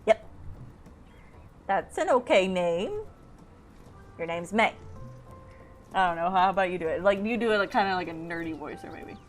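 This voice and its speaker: A woman's voice: lowish voice, steady tone, fast, soft background music. A woman co-hosting a let's play, chatting casually and joking while reading game characters.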